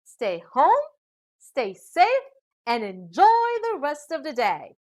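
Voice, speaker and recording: Lively woman teacher. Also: high-pitched, slow. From Philippines. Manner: upbeat, with emphatic sing-song stress on key words. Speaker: English teacher. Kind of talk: scripted virtual lesson.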